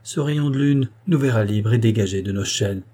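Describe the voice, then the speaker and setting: A man's voice: on the low side, moderate pace, warm tone, close to an everyday voice. A man reading an audiobook voices a proud, anguished queen, speaking in a dignified, bitter, commanding way. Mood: melancholy. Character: proud anguished queen, woman, middle-aged. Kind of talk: audiobook character voice.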